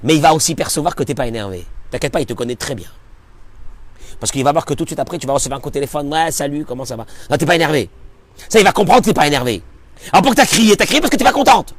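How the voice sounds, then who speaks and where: A man, a rabbi, giving a spoken Torah lesson, emphatic, asking and answering his own questions, swinging from near-shouts to hushed asides. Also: on the high side, very animated, very fast, slight background noise. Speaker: rabbi teaching a Torah class.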